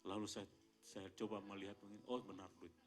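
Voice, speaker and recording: A male pastor from Indonesia tells a story to his congregation. His voice jumps from quiet, low asides to loud, excited peaks, and soft instrumental music plays underneath. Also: brisk. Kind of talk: sermon testimony.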